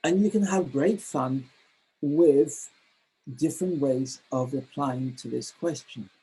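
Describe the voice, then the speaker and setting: Male webinar trainer, dark husky voice, hesitant delivery full of ums. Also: mid-range voice, poor audio. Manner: halting, many fillers and restarts. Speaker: teacher trainer giving a webinar. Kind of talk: webinar lecture.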